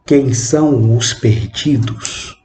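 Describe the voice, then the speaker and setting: A man in his twenties giving a reflective spoken monologue, with halting, measured phrasing and frequent questioning tag words. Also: mid-range voice, a little mellow. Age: 20s. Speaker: channel host. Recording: roomy echo with faint background noise.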